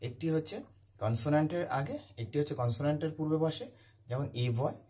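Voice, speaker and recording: Mellow-voiced man teaching grammar. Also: fairly high pitch, fast talker. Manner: repeats key words, asks and answers his own questions. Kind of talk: classroom-style grammar lesson.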